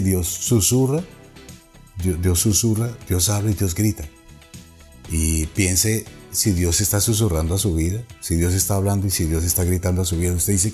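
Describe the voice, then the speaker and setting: A man's voice: low voice, mellow. A man with a Colombian Spanish accent, a pastor preaching a sermon, reading Bible passages aloud and lifting his voice on the quoted calls. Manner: reads Bible passages aloud with rising emphasis on quoted calls, restarts words. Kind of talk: sermon reading and explaining scripture.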